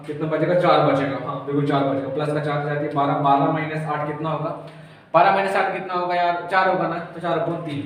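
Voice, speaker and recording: A man with a voice on the high side tutors physics in a very echoey room, picked up from a distance with faint room noise. His informal exam-prep lesson is chatty, and he asks and answers his own questions while calling the viewer "brother" in a very familiar way.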